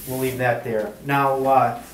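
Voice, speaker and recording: A male state police investigator running a formal interrogation, halting with many uhs and ums, heard on an interrogation-room tape recording. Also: mid-range voice, fairly even intonation. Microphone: fixed room camera mic. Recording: roomy, distant, faint hiss.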